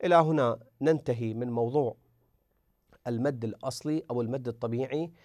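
A man's voice: mid-range voice, fairly quick, darkish tone, dry recording. Patient male tajweed teacher, dry sound. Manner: patient, repeats words and drills examples aloud. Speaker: Quran recitation teacher. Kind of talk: recorded tajweed lesson.

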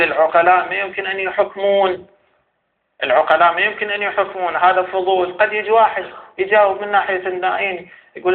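A man with an Iraqi Arabic accent giving a seminary lecture, arguing point by point and posing questions to the scholar he rebuts. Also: fairly high pitch. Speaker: teacher of Islamic jurisprudence. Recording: tinny phone-like sound.

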